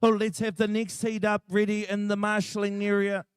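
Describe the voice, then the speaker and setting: A man's voice: high-pitched, level tone, normal speed, smooth, dry recording, studio quality. A man with a New Zealand accent announcing a live competition in an informal, practical, directing way.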